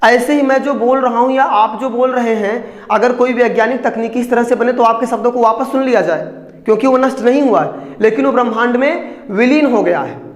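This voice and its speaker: A man's voice: very high voice, a little fast. A man teaching a Hindi grammar lesson, putting questions to his students and then answering them himself. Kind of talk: classroom lecture. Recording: echoey room with long reverb.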